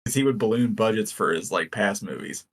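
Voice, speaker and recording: Brisk and fairly low-pitched with lively intonation, a male podcast co-host chats casually about a film. He rambles with enthusiasm and uses plenty of fillers.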